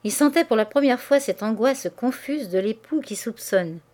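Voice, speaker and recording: A woman narrating a classic novel as an audiobook, in a measured, expressive reading. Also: on the high side. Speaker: audiobook reader.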